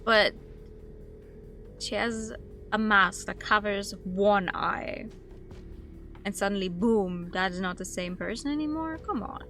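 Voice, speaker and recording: A woman streamer livestreams a game, chatting casually with viewers, commenting and reading bits of text aloud. Her voice sits at medium pitch, slow and full of frequent pauses. Soft music and game audio play in the background.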